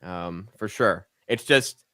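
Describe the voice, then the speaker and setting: A man's voice: low voice, slow pace, pushed and bright, smooth, no echo, clean studio sound. A man in his twenties hosting a sports betting podcast, easygoing and filler-heavy as he chats and reads listener questions. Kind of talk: casual podcast chat.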